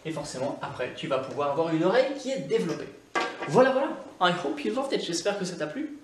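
A Scottish man, native English speaker, coaching learners in a lively, repetitive way. His voice sits a little high for a man. He is recorded from a distance in a roomy, echoing space with faint background ambience. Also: quick pace, background noise. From Scotland. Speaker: English teacher. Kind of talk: casual video lesson. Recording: echoey room, mic at a distance.

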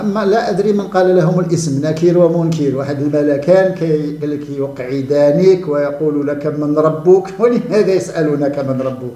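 A man's voice: mid-range voice, warm tone, roomy sound. A man with a Moroccan accent delivering an impassioned monologue, mocking and repeating himself as he speaks. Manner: fervent and mocking, repeats phrases, breaks into scornful laughter. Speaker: channel host giving commentary.

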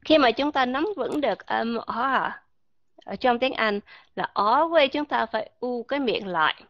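A woman teaching a live online pronunciation lesson, patient and slowly repeating sounds to demonstrate them. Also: on the high side, animated, dry recording. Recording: dry, muffled online voice chat audio.

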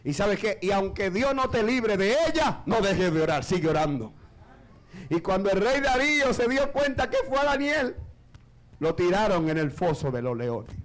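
A male pastor, preaching a sermon in church and swinging between shouted peaks and quiet low asides. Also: very animated, moderate pace.

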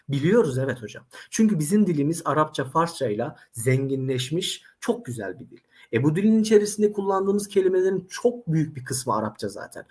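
A man who teaches Arabic, telling anecdotes animatedly in a casual interview and speaking straight to the viewers. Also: sits high. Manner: animated storyteller, addresses audience directly.

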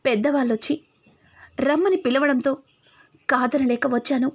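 A woman's voice: sits high, steady tone, normal speed. A woman doing a hurt young man pleading to leave.

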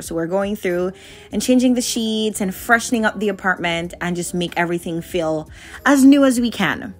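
A woman in her late twenties, originally from Jamaica, talks through her cleaning day in a relaxed, chatty voice-over. Her voice sits a little low, and soft music plays faintly underneath. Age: late 20s. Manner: chatty, candid, conversational. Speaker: vlogger. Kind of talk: casual voice-over narration.

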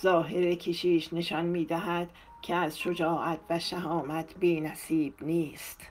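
A woman's voice: fairly low pitch, level tone, faint music behind, natural voice. A woman reading as a wry, curious man of the house. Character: curious middle-aged man of the house, mildly mocking. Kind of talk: audiobook character reading.

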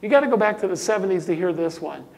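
An older man, a pastor preaching a sermon, emphatic, dropping to quiet asides and rising to loud exclamations. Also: high voice, lively intonation, quick pace, vocal fry, long reverb tail.

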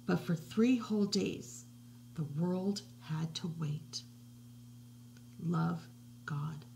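A middle-aged woman reads a picture book to children from her home, slow and hushed, sometimes dropping to a soft whisper. Her voice sits a little low with a gravelly edge. It is picked up by a webcam, with a faint hiss behind. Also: rough recording. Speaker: children's religious educator. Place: living room at home, indoors. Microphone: webcam at desk distance.

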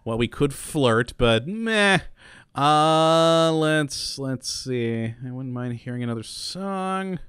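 A man's voice: mid-range voice, takes it slowly, hardly any pauses, a bit bright, clear, resonant tone, no echo, studio quality. A man giving casual, chatty commentary while playing a game, laughing often and humming to himself. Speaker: gameplay commentator. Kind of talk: casual let's-play commentary.

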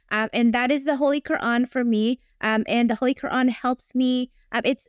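A woman's voice: fairly high pitch, no echo, studio quality. A woman from Indonesia, in her forties, a guest professor talking over a video call with many ums. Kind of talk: casual interview.

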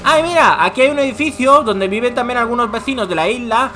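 A host leading a playful game role-play, teasing and excitable, full of tag questions. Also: medium pitch, fast talker.

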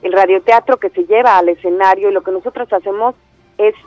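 This Spanish woman from Andalusia directs a theatre company and speaks in a brisk, medium-pitched voice with a Mexican-tinged accent. There's no room sound, just faint music behind her on a muffled telephone line. It's a phone interview, and she's enthusiastic, full of fillers and restarts.

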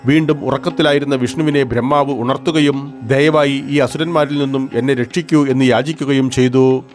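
A male storyteller giving a steady, even scripted narration of old religious tales. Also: mid-range voice.

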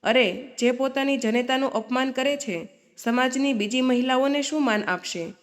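A firm, outspoken grown daughter, read by a woman storyteller, who speaks up for her mother in a storybook tale. Her voice sits somewhat high and stays close to a plain reading voice. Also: normal speed, close to an everyday voice. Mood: confronting. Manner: firm, scolding.

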